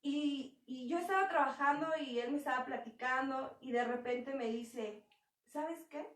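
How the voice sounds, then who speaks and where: High-voiced young woman preaching in an echoey hall. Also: fairly even intonation, moderate pace, recorded from a distance. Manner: conversational preaching with acted quotes. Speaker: church speaker. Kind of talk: sermon. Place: church hall.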